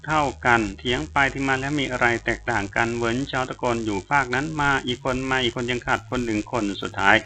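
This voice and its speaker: Bright-voiced male storybook narrator. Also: mid-range voice, quick pace, hardly any pauses, slight background noise. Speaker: audiobook narrator.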